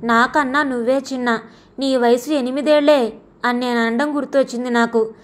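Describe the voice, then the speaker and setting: Woman reading a soft-spoken young grandson, tender and pleading, high voice, audio story. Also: fairly even intonation, normal speed, natural voice.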